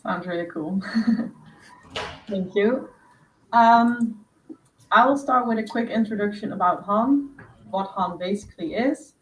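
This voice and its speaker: A woman hosts a webinar for prospective students over a video call, explaining step by step with frequent fillers. Her voice is medium in pitch and fairly bright, and she speaks slowly with many pauses. The mic sounds roomy and distant, with faint noise.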